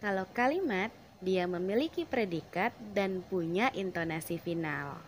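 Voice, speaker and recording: Woman teacher, unhurried classroom explanation, emphatic stresses on key words. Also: fairly low pitch, expressive, slight background noise. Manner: slow, deliberate, stresses words with rising emphasis.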